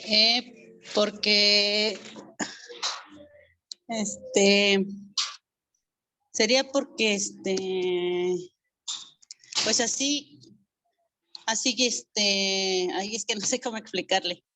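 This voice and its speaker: Hesitant woman, slow and bright. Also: mid-range voice, a little hiss or hum. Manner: hesitant, searching for words, many fillers. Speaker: student.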